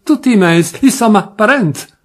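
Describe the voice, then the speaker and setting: A man's voice: sits high, expressive, a little slow, voice pushed up. A man voicing a tipsy, insistent old man from Turin with a strong Piedmontese accent and a slurred, blustering delivery. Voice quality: slurred, shouting dialect.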